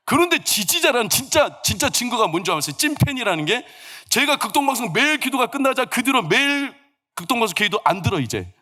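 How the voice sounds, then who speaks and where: Animated, high-pitched male pastor preaching. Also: moderate pace. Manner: animated, humorous storytelling with acted quotes. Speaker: senior pastor. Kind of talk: sermon. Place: church sanctuary.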